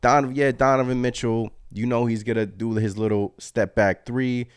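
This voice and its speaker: A man hosting a live postgame reaction stream, talking in an excited, rambling way and reading chat comments aloud. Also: mid-range voice, normal speed, smooth, no echo, clean studio sound. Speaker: sports fan channel host.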